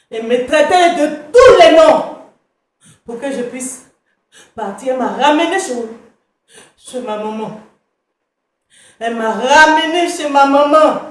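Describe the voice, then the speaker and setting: A woman performing a grieving mother in a comedy sketch, lamenting theatrically with shouts and sung wails. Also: a little high, heavy reverb, distant mic. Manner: wailing, shouting and singing her daughter's name; theatrical lament with sudden outbursts. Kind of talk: comic melodrama acting.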